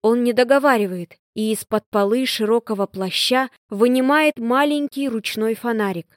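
Expressive woman narrating a story. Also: on the high side, moderate pace, dry recording, clean studio sound. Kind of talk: scripted audiobook narration.

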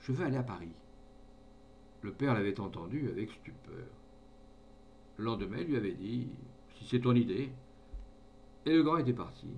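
A man narrating a classic short story in a measured, expressive reading voice. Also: lowish voice, dull audio, a little hiss or hum. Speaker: audiobook narrator.

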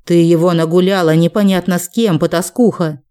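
A woman voicing a cruel, haughty middle-aged mother who shouts, hisses and sneers. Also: lowish voice, fairly even intonation, a little fast, clean tone, lightly acted. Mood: furious.

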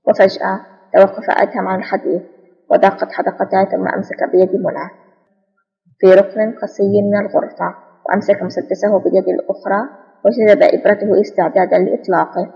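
A woman narrating a spy novel audiobook in a brisk, steady reading. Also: mid-range voice, gravelly, slightly rough, big-room sound, lo-fi sound.

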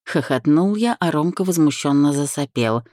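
A woman narrating a first-person audiobook in a measured, even storytelling manner. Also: low-pitched, dry recording, clean studio sound.

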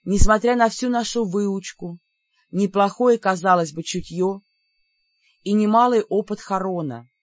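Audiobook narrator, even measured fantasy reading, dry close sound, slightly dull recording. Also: mid-range voice, dry recording. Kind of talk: scripted fantasy novel narration.

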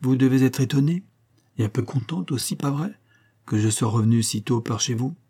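A man's voice: medium pitch, fairly quick, dark tone, slightly rough. A man voicing a cheeky young coachman. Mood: coaxing, cheeky. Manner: coaxing and easy-going.

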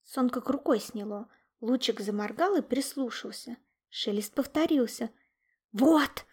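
A woman reading a children's story aloud, lively and expressive, giving each character's line its own emphasis. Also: a little high, normal speed, breathy edge.

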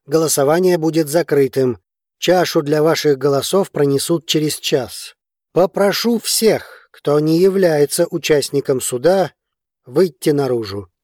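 A man's voice: on the high side, measured pace, darkish tone, no echo, studio quality. A man playing a weary head judge who speaks in a formal tone.

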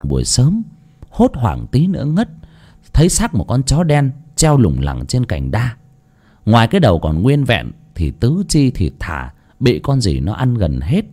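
A man narrating a horror audio story in an expressive, storytelling manner. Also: mid-range voice, a little slow.

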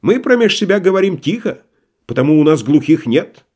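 A man's voice: fairly high pitch, sing-song, brisk, a little mellow, slightly rough, voice pushed up. A man voicing a wily, stubborn merchant who talks in a folksy, obsequious way, in an audiobook play reading. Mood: wheedling stubborn. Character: wily, stubborn middle-aged male merchant.

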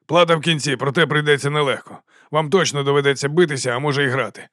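A man's voice: a little high, fast, fairly bright tone, no room sound, studio quality, lightly acted. A man reading an audiobook and voicing an old, flamboyant mercenary who talks in a grand, showman-like way. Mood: jovial, grand. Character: old, flamboyant male mercenary, theatrical and cheerful. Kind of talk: audiobook character voice.

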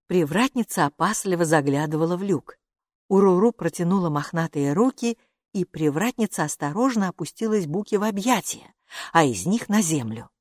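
A woman reads a children's storybook aloud with an expressive, lively voice that rises and falls through each sentence. The sound is dry and close, with no room around it. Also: fairly low pitch, no room sound. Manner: expressive, even-paced reading. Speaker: audiobook narrator. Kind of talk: storybook narration.

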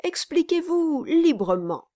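A woman's voice: very high-pitched, very animated, slow pace, mellow, no room sound, clean studio sound, voice pushed up, full character voice. A woman voicing an oily, scheming middle-aged male lawyer in an audiobook, speaking in a honeyed, falsely cheerful way. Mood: wheedling.

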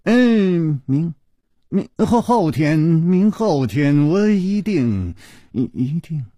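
一位男性说书人演绎一个慌张尴尬的年轻男剑客，说话结巴，语气犹豫。. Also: male voice, fairly high pitch, big pitch swings, slow, warm tone, dry recording, clean studio sound, exaggerated voice. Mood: stammering. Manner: stammering, nervous, awkward laughing. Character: charming young male swordsman, flustered. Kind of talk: storytelling character voice.

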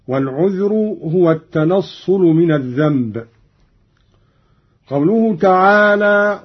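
A fairly high, husky male voice explains Quran readings at a very slow, deliberate pace, stopping often to recite examples melodically. The sound is dull and lo-fi.

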